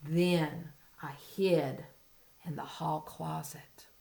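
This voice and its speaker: A woman reading a picture book aloud as if to a toddler, with simple questions and expressive, teacherly storytelling. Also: sits low, extremely slow, vocal fry. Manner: simple child-directed talk, as if reading to a toddler; expressive storytelling, dropping to hushed asides.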